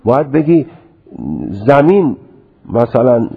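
A man giving a religious lecture, reasoning deliberately and often stressing and repeating his point. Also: mid-range voice, expressive, husky. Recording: tinny lo-fi radio broadcast.

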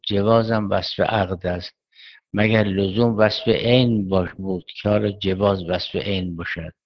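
A man lectures on Islamic jurisprudence in a measured, methodical way, raising questions and answering them himself. His voice sits low. The recording is dull and lo-fi. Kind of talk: seminary lecture.

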